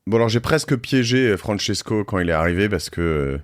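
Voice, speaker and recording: A man's voice: on the low side, expressive, fairly quick. A man hosting a podcast interview in a joking, rambling, informal way. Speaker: podcast host. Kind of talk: casual interview.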